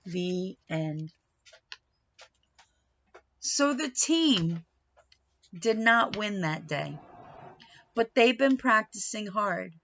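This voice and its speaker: A woman with a medium-pitched voice reads a picture book aloud in a lively, dramatic way, stopping for asides and questions aimed at young listeners. The audio sounds dull.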